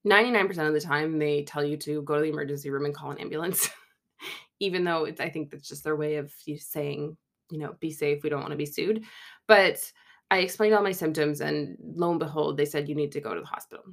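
Canadian woman in her 30s podcasting, kinda low voice, rambly and laughing at herself. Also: a little fast, vocal fry. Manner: chatty, self-mocking, laughs mid-sentence. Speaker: podcast host. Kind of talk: casual storytelling monologue.

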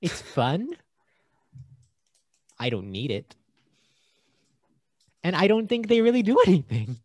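A man's voice: high voice, sing-song, slow, a little mellow, no echo, studio quality. A man co-hosting a podcast, chatting casually about a movie, laughing often and trailing off mid-thought. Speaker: podcast co-host.

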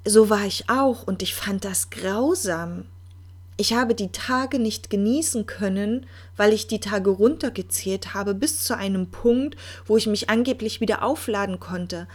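A woman speaking earnestly and reflectively about mindfulness, addressing the listener directly and often dropping to a soft, quiet delivery. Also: mid-range voice. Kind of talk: personal monologue on mindfulness.

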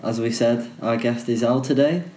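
A man hosting a casual podcast, jokey and quick to laugh. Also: mid-range voice, steady tone, mellow. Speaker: podcast host. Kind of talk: casual chat.

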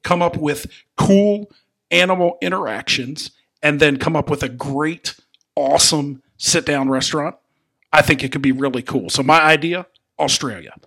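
A man co-hosting a podcast, pitching a theme park idea with enthusiasm in casual chat. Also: moderate pace, gravelly, fairly bright tone. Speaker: podcast co-host.

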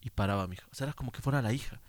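A man's voice: mid-range voice, very fast, no room sound, clean studio sound. A man telling a ghost story in a casual podcast chat, slangy and swearing freely. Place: indoors at a jeans factory.

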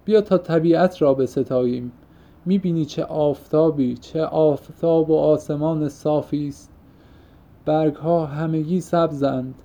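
In a muffled lo-fi recording, a man reads an audiobook, voicing an impassioned young man who pours out his heart in fervent, poetic outbursts. His voice is a little high, steady and mellow, lightly acted.

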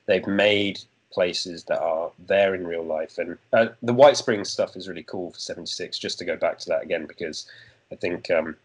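Low-voiced man, halting casual talk. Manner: hesitant, many fillers and restarts. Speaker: podcast co-host. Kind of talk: casual chat.

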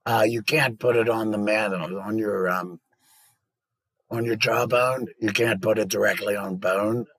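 A man gives a patient, practical explanation, pausing on small fillers as he goes. His voice sits low and comes across husky. The recording is dry, with no room sound. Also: fairly even intonation, a bit bright, dry recording, rough recording. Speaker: podcast guest. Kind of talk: explanatory podcast talk.

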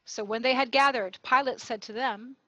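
A woman narrating a gospel reading in a church service, clear and measured. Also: fairly high pitch, fairly even intonation, sharp tone, no echo, highs cut off. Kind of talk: liturgical scripture reading.

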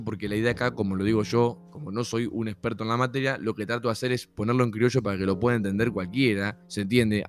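A man with an Argentine accent, explaining economics in a casual spoken monologue and often checking whether he is understood. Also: mid-range voice. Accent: Argentine Spanish. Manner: conversational, full of fillers and rhetorical checks.

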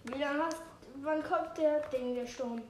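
A woman's voice: high voice, a little slow, a little mellow, reverberant, slight background noise. A woman chatting playfully and teasing her gaming partner. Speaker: gaming companion. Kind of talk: casual chat.

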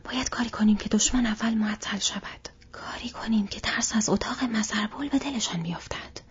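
A woman whispering the lines of a grave, resolute male ranger leader in whispered role-play, in a breathy whisper. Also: medium pitch, highs cut off, close to an everyday voice.

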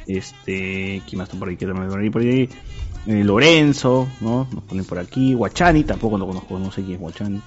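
A man's voice: lowish voice, fairly quick, faint music behind. A man with a Peruvian accent hosting a casual podcast over a video call, joking, swearing lightly and greeting listeners by name. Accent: Peruvian Spanish. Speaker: podcast host. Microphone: video call microphone. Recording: dull lo-fi call audio.

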